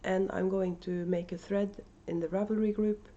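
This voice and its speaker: Indoors at home, a Norwegian yarn dyer and knitting podcast host talks hesitantly in an unedited, casual video podcast, full of fillers and restarts. Her medium-pitched voice is warm and steady at a normal speed, but the recording sounds muffled through the camera microphone.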